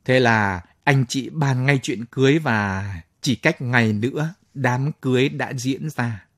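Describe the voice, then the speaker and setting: A man narrating a late-night audio story in a calm, measured way. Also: mid-range voice, no echo, clean studio sound. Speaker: story reader.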